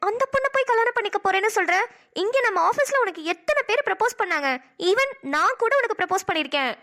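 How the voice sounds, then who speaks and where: A woman voicing a blunt, scornful young female office coworker in a cartoon, talking in a quick, mocking way. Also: very high-pitched, expressive, pushed and bright, full character voice. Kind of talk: cartoon voice acting.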